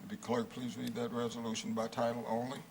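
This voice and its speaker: A man chairing a formal council meeting in a brisk, businesslike manner, moving through procedure. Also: mid-range voice, monotone, a little mellow. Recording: noisy public meeting room.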